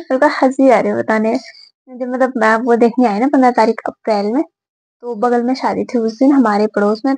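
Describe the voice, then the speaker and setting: Young female vlogger, slightly high voice, dry close sound, chatty and giggly storytelling. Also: darkish tone, dry recording, poor audio. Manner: giggly, chatty, repeats filler words often. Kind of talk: casual storytelling to camera.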